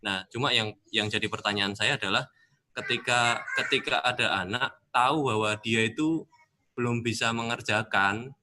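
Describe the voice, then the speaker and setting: A man's voice: medium pitch, normal speed, noisy background. A man asking a question in a webinar over a video call, hesitant and full of fillers.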